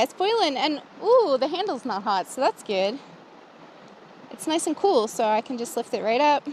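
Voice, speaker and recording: Cooking beside a campfire, an American woman giggles and chats casually to the camera for her outdoor vlog, laughing frequently. She has a high-pitched voice, and the audio carries a little hiss or hum.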